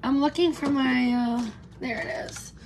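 High-pitched and steady, a little slow with vocal fry, this woman in her thirties sounds worn as her voice gives out. She chats casually while applying makeup on a live stream, rambling and saying hi to viewers by name. A close camera in front captures her in a pink-neon home room, with background noise present.

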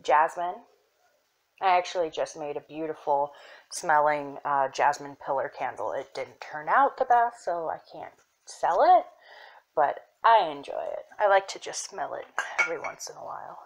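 A young woman casually showing her herb collection, soft-spoken and unhurried, with fillers and self-corrections that sometimes drop into a whisper. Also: sits low, expressive, poor audio. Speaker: apothecary shop owner. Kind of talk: casual show-and-tell.

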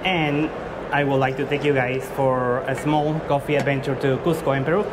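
A man's voice: mid-range voice, level tone, normal speed. A man in his thirties from Guatemala, speaking English, earnestly presenting his drink to judges with frequent fillers and restarts. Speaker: competing barista. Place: large indoor exhibition hall. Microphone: far camera. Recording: loud hall noise from far off.

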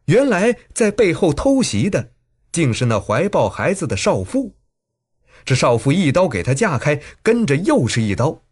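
Animated, husky male audiobook narrator. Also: moderate pace. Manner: dramatic, highly animated reading.

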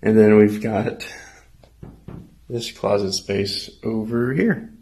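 Holding his phone at arm's length, this American vlogger in his twenties walks through an empty apartment's rooms, giving a relaxed, casual tour. He talks slowly, with a mellow, fairly low voice.

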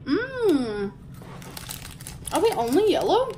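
A woman's voice: extremely high pitch, very animated, slow, mellow, a little hiss or hum. A young woman vlogger chatting casually to her viewers while chewing food as she talks. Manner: chatty, addresses viewers directly. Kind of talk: casual taste-test chat.

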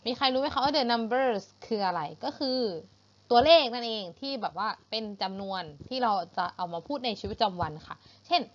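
A woman with a Thai accent teaching English to young pupils, patient and repeating each word slowly for pronunciation. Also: a little high, lively intonation, dull audio. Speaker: primary school English teacher. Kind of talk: online English lesson for children.

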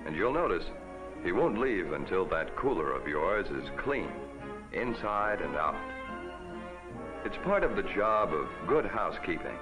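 Man, 1950s TV commercial voice-over: low, lively, folksy salesman read. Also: unhurried. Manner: folksy, upbeat pitchman. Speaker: commercial announcer. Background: music.

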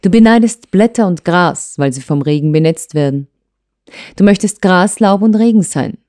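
A woman voicing a calm, composed older husband in a mellow, low-pitched voice. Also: no room sound, clean studio sound, close to an everyday voice. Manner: calm and measured, turning serious.

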